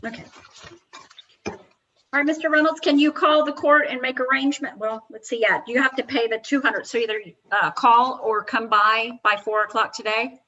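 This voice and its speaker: Brisk female court clerk, bright clear voice, on a dull conference call line. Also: on the high side, fairly even intonation. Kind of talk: running a court docket.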